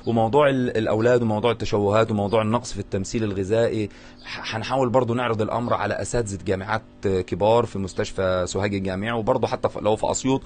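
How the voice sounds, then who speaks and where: A man with an Egyptian Arabic accent, a reporter asking gentle, probing questions in a news interview. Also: fairly low pitch, steady tone, very fast, a little hiss or hum.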